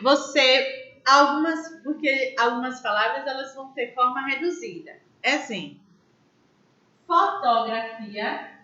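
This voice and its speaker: A woman's voice: high voice, moderate pace, sharp tone, reverberant, highs cut off. A woman teaching a grammar class, explaining step by step and asking her students questions. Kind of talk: online class lecture.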